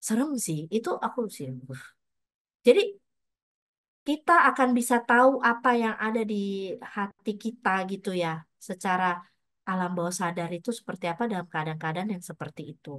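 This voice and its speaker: A middle-aged woman pastor gives a casual, chatty sermon, shifting between personal stories and encouragement and slipping English words into her speech. Her mid-range voice is brisk and a bit bright. She sounds close to the mic in a dry recording with no room echo.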